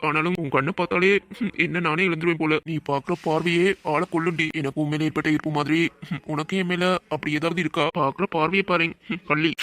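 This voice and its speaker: A man's voice: on the high side, steady tone, fast, a bit bright, natural voice. A man voicing an earnest cartoon hero doctor. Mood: flirting.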